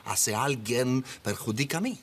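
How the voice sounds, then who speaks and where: Un actor haciendo de padre inmigrante terco. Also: male voice, medium pitch, a little slow, a little hiss or hum, natural voice. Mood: pleading. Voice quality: broken ungrammatical Spanish, lively emphatic delivery. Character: proud immigrant father, broken Spanish, stubborn and devout. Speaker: immigrant father and shopkeeper. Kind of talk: telenovela acting.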